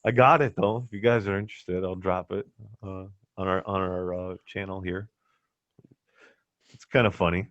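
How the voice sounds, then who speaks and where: A slightly dull, dry recording of a man with a lowish voice. He chats in a laid-back stoner way, full of slang and swearing, like a podcast co-host swapping anecdotes. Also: fairly even intonation, moderate pace, pauses often, a bit bright, dry recording. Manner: swears freely. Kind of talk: casual chat and anecdotes.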